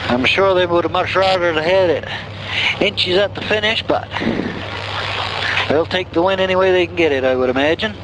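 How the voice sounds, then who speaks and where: A man calling live races outdoors like a tractor pull announcer, with folksy, drawn-out calls and plain updates. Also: high voice. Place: outdoors beside a boat race course. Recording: noisy outdoor recording with loud engines.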